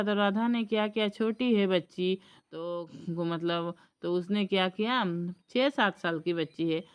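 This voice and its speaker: A woman's voice: fairly low pitch, clean tone. A woman vlogger casually telling a folk story, hesitant and full of fillers and restarts.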